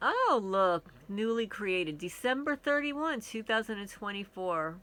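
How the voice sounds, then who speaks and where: A woman's voice: mid-range voice, animated, a little slow, fairly bright tone, distant mic, rough recording. A woman with a Kentucky accent talking casually to her channel viewers, rambling with many ums and restarts. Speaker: homesteading channel vlogger. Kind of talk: casual vlog talk to viewers.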